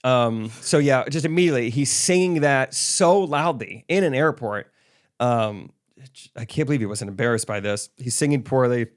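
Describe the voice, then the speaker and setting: A man co-hosts a podcast in relaxed chat. He tells stories with animation and acts out the people in them. His voice is smooth and resonant. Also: medium pitch, normal speed. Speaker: podcast co-host. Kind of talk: casual chat, storytelling.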